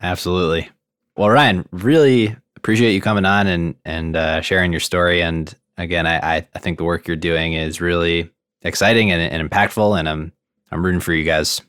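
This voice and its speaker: A man's voice: sits low, fairly even intonation, normal speed, a bit bright, smooth, dry recording, studio quality. A man hosting a podcast in a conversational interview style. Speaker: podcast host.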